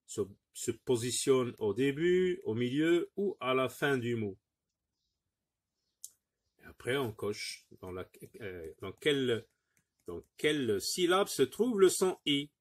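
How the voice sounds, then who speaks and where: Slow, husky-voiced man teaching phonics. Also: medium pitch. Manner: repeats words slowly, syllable by syllable; patient, encouraging, addresses pupils directly. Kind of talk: phonics lesson for young pupils.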